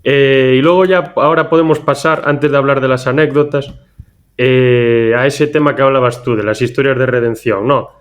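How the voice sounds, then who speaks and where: A man's voice: medium pitch, steady tone, normal speed. Man chatting about films. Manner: rambling, anecdotal, frequent restarts. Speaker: film podcast host. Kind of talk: casual film discussion.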